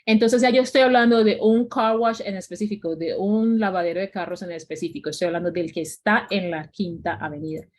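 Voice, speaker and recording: A woman's voice: mid-range voice, fairly even intonation, a little fast, hardly any pauses. A woman with a Colombian Spanish accent teaching English grammar in an online class, with many fillers, sounding out each English example word by word.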